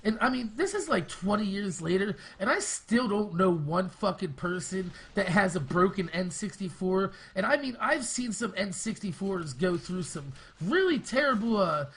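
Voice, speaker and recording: A man's voice: sits high, expressive, moderate pace, few pauses, fairly bright tone. A man around thirty, a gaming video host, telling a rambling, profane story in casual storytime style. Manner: rambling, profane, heavy on filler words. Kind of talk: casual storytime over gameplay.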